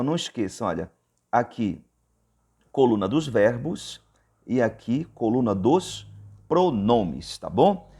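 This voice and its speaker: A man's voice: mid-range voice, a little mellow, husky. A man with a Brazilian Portuguese accent, teaching English grammar. He talks patiently, repeats his points and keeps checking in with the viewer. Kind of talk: explaining grammar on a board.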